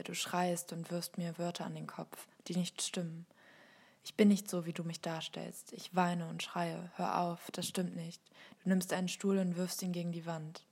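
A woman reads a personal essay aloud in a soft, slow, measured way, her voice often sinking into a whisper. Her voice sits fairly low and stays flat and even, with little rise and fall. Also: vocal fry, slightly rough. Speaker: reader of a guest text.

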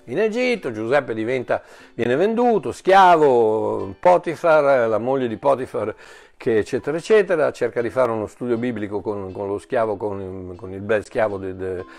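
A man preaching a sermon in an animated way, often repeating and restarting words, with jokey asides. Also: medium pitch, moderate pace, soft background music.

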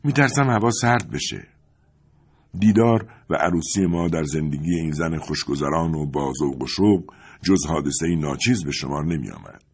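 Brief: male audiobook narrator, low and husky, measured and expressive. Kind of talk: audiobook reading of a novel.

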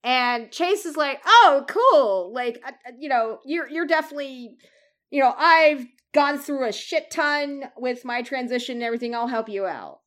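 High-voiced woman in casual chat. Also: fairly bright tone. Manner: rambling, self-interrupting, quick asides. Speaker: podcast co-host.

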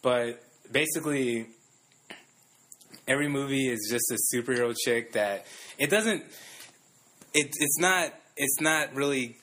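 A man's voice: mid-range voice, measured pace, long pauses, pushed and bright. A man talking casually about movies in a laid-back, hesitant way. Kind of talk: casual chat.

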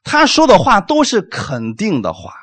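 A man preaching a sermon, animated and full of rhetorical questions, closing his points with "amen". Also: high-pitched, normal speed.

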